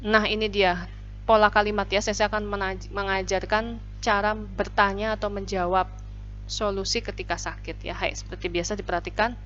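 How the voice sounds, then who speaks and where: A woman's voice: medium pitch, flat delivery, fairly bright tone, a little hiss or hum. Patient woman teaching a language lesson. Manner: patient, drills phrases slowly with frequent "ya". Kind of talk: online classroom lesson. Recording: dull lo-fi recording.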